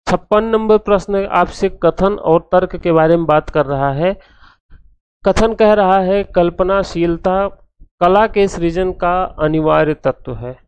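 A man's voice: high voice, darkish tone, clear, resonant tone, dry recording, dull audio. A man tutoring for an art teaching exam, explaining each answer steadily and restating every point as he walks through the options.

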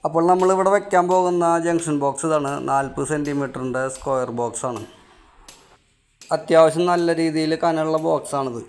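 An electrician from Kerala, India, hosts his channel's on-site how-to video outdoors at a house build site, explaining the work plainly and matter-of-factly. His voice is fairly high and a little mellow, at a normal speed.

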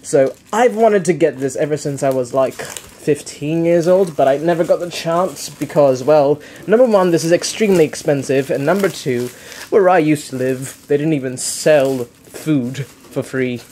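A man's voice: on the high side, moderate pace, dark tone, slight background noise. A young man giving casual, unscripted unboxing commentary, rambling and hesitant as he keeps correcting himself. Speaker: unboxing video host. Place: living room, indoors.

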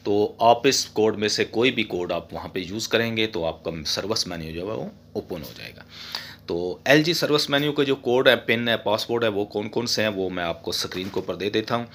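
A man's voice: lowish voice, moderate pace, fairly bright tone. A man hosting a casual how-to tutorial for his TV repair channel, chatty and often ending lines with "okay". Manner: voice-over with no face on screen.

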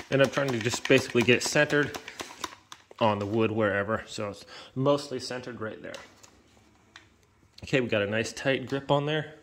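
A man casually demonstrating a woodworking jig, talking in a halting, rambling way with many fillers and self-corrections. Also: fairly low pitch, fairly bright tone, a little hiss or hum. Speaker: DIY woodworking channel host. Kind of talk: casual hands-on tool demonstration. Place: indoor workshop with concrete floor. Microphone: camera-mounted, hands-only point of view.

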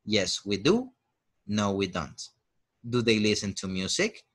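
Lively male English teacher, native Spanish speaker. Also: lowish voice, a little slow. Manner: explains grammar, drilling example sentences; switches between Spanish and English. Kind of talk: lesson.

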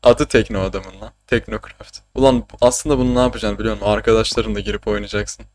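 A man's voice: on the low side, flat delivery, quick pace, a little mellow. A young man from Turkey chatting casually while streaming a game, joking, swearing and often laughing. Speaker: gaming streamer. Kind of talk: casual gaming commentary.

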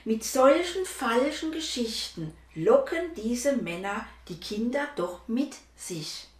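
A woman's voice: on the high side, big pitch swings, takes it slowly, roomy sound, distant mic, voice pushed up. A woman reading a children's story, voicing a sensible mother who explains and admonishes. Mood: admonishing. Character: sensible lecturing mother of a girl.

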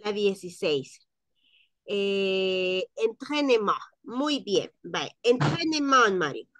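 A woman's voice: medium pitch, animated, slow, fairly bright tone, dry recording. A woman teacher running a class spelling contest, spelling words out letter by letter in a patient, encouraging way. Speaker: French teacher.

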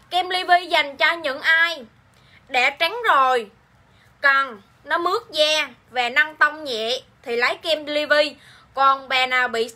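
A woman's voice: high voice, bright, forceful tone, slight background noise. A woman with a Southern Vietnamese accent selling clothes on a livestream, chatting and repeating each line to coax her viewers. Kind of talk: live-sale selling chat.

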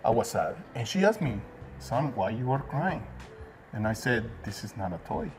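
An earnest, Guatemalan-born man hosts a casual interview indoors at a detailing supply shop, with soft music in the background. His medium-pitched voice swings widely in pitch at a normal speed as he tells stories plainly, using fillers.

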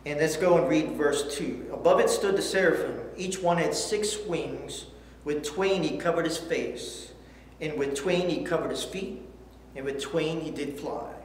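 A middle-aged man teaches children a Bible lesson, reading scripture aloud and earnestly asking questions. His voice is fairly high at a measured pace. He's indoors on a church studio set with a backdrop, and the recording has an echoey hall sound with faint hiss.

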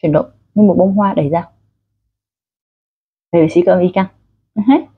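A woman's voice: lowish voice, moderate pace, slightly rough, narrow, tinny audio. A woman with a Vietnamese accent teaching English pronunciation online, coaching learners step by step. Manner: friendly coaching, directly addressing learners.

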